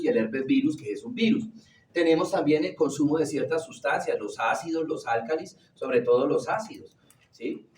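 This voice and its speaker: A man's voice: fairly high pitch, darkish tone, slight background noise. A man teaching a classroom lecture, asking the class questions and answering them himself. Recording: roomy echo, distant from the mic.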